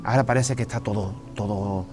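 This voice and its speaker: Over background music, an Andalusian guest writer talks fast in a lowish, steady voice during a TV studio interview. He's informal, frequently starting over and repeating himself, and he comes from Andalusia, Spain.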